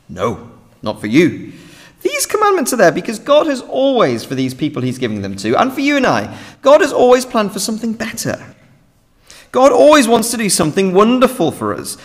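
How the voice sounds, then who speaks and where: A young British man delivers a sermon from a lectern, earnest and emphatic. His voice sits fairly high for a man and moves freely up and down, with a long reverb trailing each phrase through the hall. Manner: earnest, emphatic, expressive preaching. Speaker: preacher. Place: large church hall with audience. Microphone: standing at a lectern, lectern mic.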